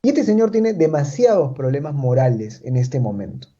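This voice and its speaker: A man's voice: on the high side, big pitch swings, moderate pace, mellow, lo-fi sound. A man from Chiclayo, Peru, with a Peruvian Spanish accent, giving political commentary as an analyst in an interview. He talks emphatically, repeats his points and tags them with rhetorical questions.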